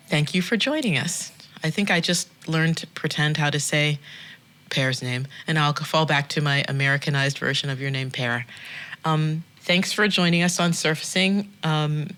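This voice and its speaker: Low, bright-toned woman podcast host. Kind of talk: conversational interview.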